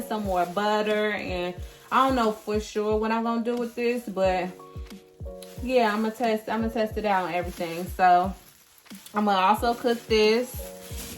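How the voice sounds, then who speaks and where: A woman chatting casually as she cooks in her home kitchen, often adding "right?" and "y'all". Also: medium pitch. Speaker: home cooking vlogger. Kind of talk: casual cook-along chat. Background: background music.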